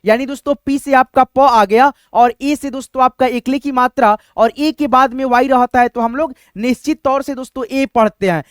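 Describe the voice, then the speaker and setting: A man's voice: very high voice, no room sound, studio quality. A male teacher giving a step-by-step English pronunciation lesson, with a repetitive, patient way of explaining. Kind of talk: Hindi-language English lesson.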